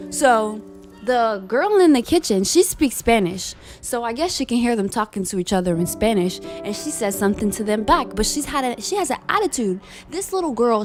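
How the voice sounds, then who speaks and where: Young woman, fired-up storytime rant, swears freely, voice sits a little high. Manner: heated, profane, emphatic. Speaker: vlogger telling a work story. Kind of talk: casual storytime rant over gameplay.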